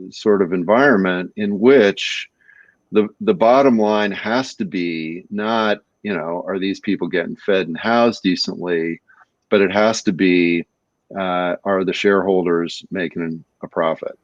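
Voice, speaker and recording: A man with a low voice co-hosts a podcast in a thoughtful, easygoing discussion, often checking in with "right?" as he talks. The audio is dry and slightly muffled. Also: a little slow, dry recording. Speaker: podcast co-host. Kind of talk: casual discussion.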